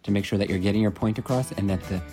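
A man's voice: on the low side, very fast, over music. A man presenting a scripted career-advice segment, explaining a method step by step in an instructive manner.

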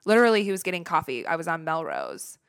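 A woman's voice: low-pitched, huge pitch swings, quick pace, creaky, a bit bright, clean tone, no room sound, studio quality. A young woman, hosting a podcast and talking candidly about her fears, chatty, confessional and casual with swearing. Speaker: podcast host. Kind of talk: candid solo podcast talk.

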